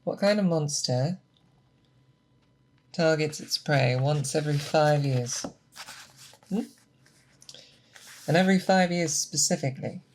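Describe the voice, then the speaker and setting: Here an ASMR performer voices a patient, methodical monster hunter guiding an apprentice in a scripted monologue, calm and focused, deliberate, and drawing the listener out with questions. The pitch is medium, and the poor audio carries a little hiss or hum.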